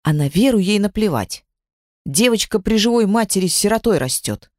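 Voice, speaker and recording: Brief: reader playing a vengeful older grandmother, lively pitch, dry. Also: normal speed, no echo, close to an everyday voice. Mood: insistent. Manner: sharp, insistent. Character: vengeful guilt-ridden grandmother.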